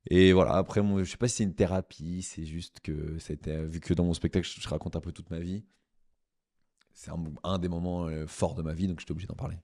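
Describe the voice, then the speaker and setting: Low, dark-voiced French comedian. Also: male voice. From France. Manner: animated, halting, many restarts. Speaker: stand-up comedian guest. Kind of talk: casual podcast interview.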